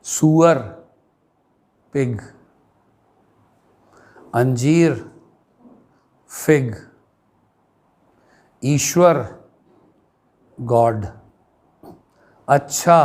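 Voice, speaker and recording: Slow, deliberate Indian teacher, man. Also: medium pitch, lively intonation, darkish tone. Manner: slow, deliberate, spells words out letter by letter. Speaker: English teacher. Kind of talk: classroom pronunciation lesson.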